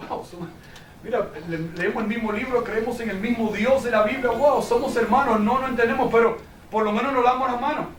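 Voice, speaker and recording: High-voiced man preaching in an echoey hall. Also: steady tone, fairly quick, recorded from a distance, a little hiss or hum. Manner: preaching with rhetorical questions, ending quietly and intensely. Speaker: pastor. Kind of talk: sermon. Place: church sanctuary.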